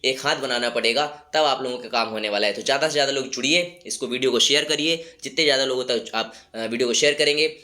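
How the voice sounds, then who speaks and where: A man's voice: medium pitch, pushed and bright. A man with a sore throat and a cold, hosting his channel and urging viewers with rhetorical questions. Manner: rallying, exhorting, rhetorical questions. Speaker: YouTube channel host. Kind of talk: motivational commentary to viewers.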